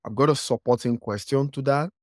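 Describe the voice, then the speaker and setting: With a mid-range voice and a fairly quick pace, a man hosts a casual, upbeat podcast interview, asking questions with plenty of filler words. The studio sound is clean and free of echo.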